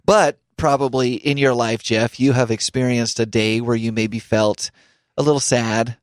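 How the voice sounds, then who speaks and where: A man's voice: mid-range voice, steady tone, measured pace, no room sound. Man, radio host, upbeat banter, dry close studio sound. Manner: cheerful, reads tips aloud with banter. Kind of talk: upbeat scripted talk show. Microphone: studio microphone.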